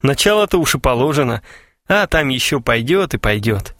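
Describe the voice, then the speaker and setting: For an audiobook, a man voices a cheerful, ironic young character who teases his friends with wry mockery. His mid-range voice is very animated, a bit bright, at a moderate pace, in a dry, studio-quality recording.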